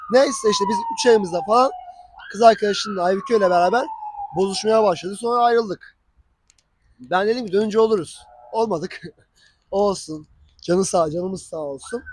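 Genç bir adam, yaşadıklarını diyalogları canlandırarak sohbet havasında anlatıyor. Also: male voice, high-pitched, a little hiss or hum. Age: young adult. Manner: animated, acts out dialogue. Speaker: vlogger. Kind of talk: casual storytelling.

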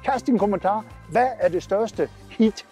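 A lapel mic captures a trucker vlog host in his forties talking to camera outdoors by parked trucks, with faint music in the background. He speaks with a Southern Jutland Danish accent in a fairly high but dark-toned voice. His delivery is upbeat and chatty, with pointing as he narrates.

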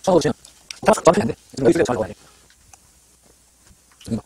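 A man chatting casually on an eating show, his mouth full of ice cream, his words muffled and halting. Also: mid-range voice, big pitch swings, darkish tone, slightly rough. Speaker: mukbang vlogger.

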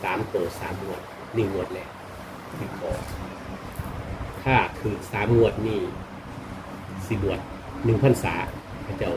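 A Buddhist monk from northeastern Thailand, speaking with an Isan accent, talks slowly to temple visitors with long pauses and fairly even intonation in a lowish voice. His manner is folksy and colloquial as he gives blessings, and the live recording carries noise and background ambience.

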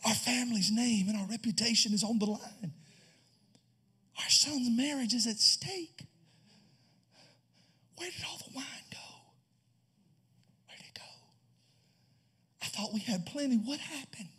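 A preacher putting on a worried father of the groom in a whispered role-play, voice dropped low and breathy. He rushes his words in anxious bursts. The voice stays high for a man. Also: heavily acted. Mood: panicked. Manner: hushed, frantic whisper. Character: panicked father of the groom, middle-aged man.

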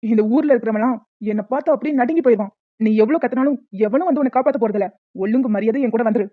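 A woman's voice: on the high side, rapid-fire, dry recording, natural voice. A woman voicing a menacing, crude male loan shark in a cartoon, talking in a bullying, threatening way. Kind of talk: cartoon voice dubbing. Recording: tinny phone-like, dry.

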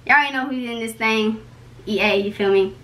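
A young woman YouTube vlogger with a fairly bright voice on the high side talks fast to the camera at home. Her casual vlog patter is playful, slangy, and chatty.

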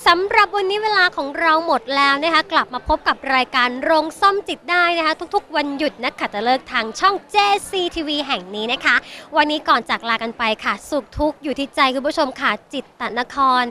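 A woman's voice: high voice, a little fast, hardly any pauses, pushed and bright. A woman hosting a TV segment at an exhibition, polite and upbeat, addressing the viewers directly. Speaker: TV host. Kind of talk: live event presenting. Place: exhibition hall.

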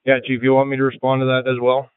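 Clear-voiced firefighter on tinny two-way radio. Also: male voice, medium pitch, monotone, fast talker, no echo. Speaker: fire officer on radio.

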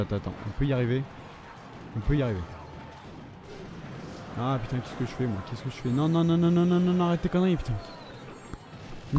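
Hoarse, short-tempered French gamer ranting. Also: male voice, on the high side, dark tone. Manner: swears a lot, quick to anger, rants at opponents. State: hoarse, losing his voice. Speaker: gaming video creator. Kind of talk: live gameplay commentary.

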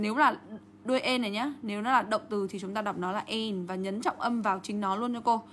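Young teacher lady with going thru test answers, keeps asking "got it?", slight background hiss. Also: fairly high pitch. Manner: lively, checks in constantly with rhetorical questions. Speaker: English teacher. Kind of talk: exam answer walkthrough lesson.

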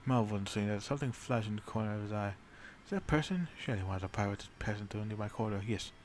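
A man streams a strategy game, narrating a grim in-character story in a brooding, dramatic tone. His voice sits fairly low, and he rambles and swears casually between beats. A faint hum of ambience sits behind him. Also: level tone, racing.

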